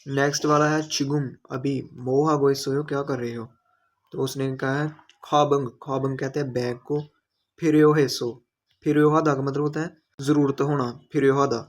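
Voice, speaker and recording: A man's voice: mid-range voice, little pitch movement, normal speed. A man teaching a lesson step by step with a Pakistani Urdu accent, patiently repeating each word and its meaning. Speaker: language teacher.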